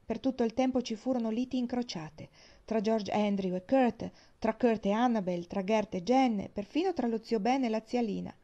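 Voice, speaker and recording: Mellow-voiced woman reading a novel aloud. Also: fairly high pitch, moderate pace. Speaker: audiobook reader. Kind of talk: audiobook narration. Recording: dull lo-fi audiobook recording.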